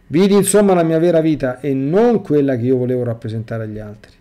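Man, middle-aged priest, sermon, mellow dark tone, reads then exhorts listeners. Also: mid-range voice, expressive, fast. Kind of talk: sermon reading and commenting on a testimony.

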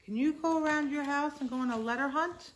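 A brisk, high-pitched woman in her forties reads a picture book to young children, teacher-style, with a little hiss or hum in the audio. Her simple phrases highlight key words and include asides to the listeners. The setting is an indoor living room at home.

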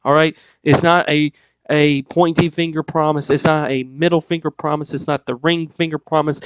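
A man's voice: fairly high pitch, flat delivery, moderate pace, smooth, no echo, low-quality recording. A man preaching a casual sermon, chatty and joking, with pop-culture asides and frequent laughs.

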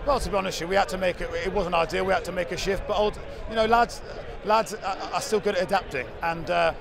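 A young man, a rugby head coach, giving a frank post-match interview outdoors beside the pitch, quickly repeating words as he talks. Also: fairly even intonation, gravelly. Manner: rapid, repeats words, frank about defeat. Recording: crowd noise outdoors.

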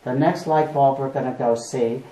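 A woman's voice: a bass voice, steady tone, moderate pace, dark tone. A woman working as a cave tour guide, talking informally and jokingly to a group, picked up on a visitor's camera inside a cave. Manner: folksy, joking. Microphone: visitor's camera at some distance. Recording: noisy on-location camera audio.

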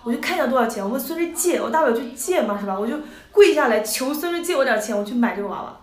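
A young woman in her twenties, a member of an idol group, telling a story to her audience in a lively, giggly way and doing playful voices for the people she quotes. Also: high-pitched, racing, roomy sound. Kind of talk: casual storytelling to a livestream audience.

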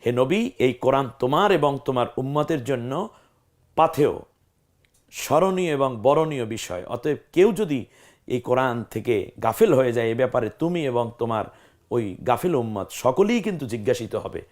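A man teaching a Quran pronunciation lesson, explaining and slowly demonstrating each letter sound and repeating drills. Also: mid-range voice, lively intonation, darkish tone.

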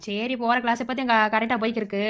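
An affectionate cartoon village mother played by a woman rattles along at a very fast clip. Her voice is high and bright, and she has a Madurai Tamil accent. She talks in a coaxing way. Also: steady tone, lightly acted. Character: chatty village mother, fond and talkative. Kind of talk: cartoon voice acting.

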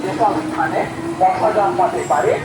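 A Bangladeshi man reads out a scripted public health announcement through a megaphone, addressing residents at a moderate pace. His voice sits high for a man, and the recording is noisy, as if made out on the street.

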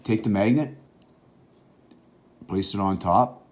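A middle-aged outdoors channel host, whose voice is very low, gives a casual how-to demonstration of a hands-on project at an indoor bench as the camera looks down at his hands. He explains things in a plain, easy, matter-of-fact manner, filling pauses with the odd "uh."

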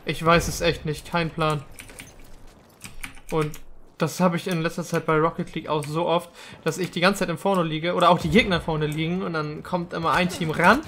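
A man's voice: a little high, steady tone, moderate pace, fairly bright tone, a little hiss or hum. A young man gives chatty, slangy let's-play commentary, rambling casually with English gamer words mixed in. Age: young adult. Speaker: gaming video host.

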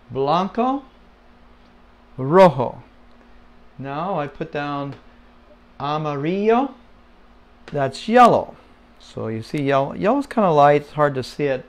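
Slow-talking guy teaching spanish at home, kinda high voice, lots of uhs. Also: lively intonation. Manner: slow, patient, with many fillers; repeats words for the listener to say along. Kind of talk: casual home-made language lesson.

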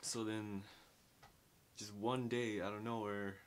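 Young male book reviewer, deep voice, slangy and rambling, casual at-home delivery. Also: flat delivery, takes it slowly, smooth. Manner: rambling, slangy, filler-heavy with lots of "like". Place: small dim bedroom at home.

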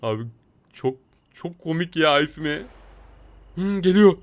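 Excitable man in a game commentary. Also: fairly high pitch, a little slow. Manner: excitable, jumpy exclamations and repeated words. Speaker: gaming video host. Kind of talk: playful let's-play commentary, speaking as a talking cat.

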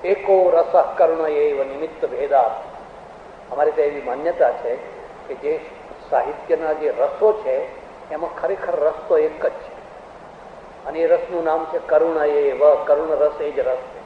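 A man's voice: a little high, unhurried. A male religious teacher giving a spiritual discourse, telling anecdotes with rhetorical questions and now and then mimicking other people's voices. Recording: echoey hall, tinny phone-like sound, faint hiss.

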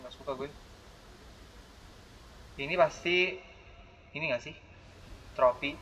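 A young gaming channel host gives let's-play commentary on a horror game, chatting to viewers and letting out sudden startled exclamations. His voice is on the high side, slow, and a bit bright, in dull lo-fi audio with faint hiss.

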